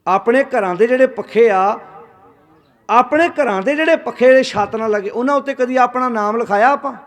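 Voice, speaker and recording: With an extremely high pitch and a brisk delivery, this Sikh preacher fires off rhetorical questions and calls on his listeners to respond out loud.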